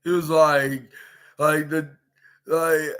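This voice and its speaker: A podcast host recaps a show on his own solo episode, rambling casually with many fillers and restarts. His voice is a little high, fairly bright, clear, and resonant, delivered flatly and very slowly.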